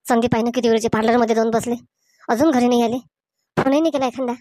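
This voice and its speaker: A woman's voice: on the high side, fairly even intonation, quick pace, mellow, dry recording, natural voice. A woman acting an anxious middle-aged village mother in a comedy skit. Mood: fretting.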